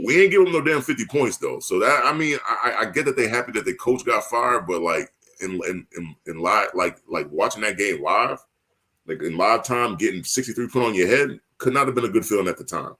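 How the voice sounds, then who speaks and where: A man's voice: fairly low pitch, animated, brisk, sharp tone, husky. A man co-hosting a casual sports podcast, rambling with lots of filler words and getting heated and emphatic. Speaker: podcast co-host.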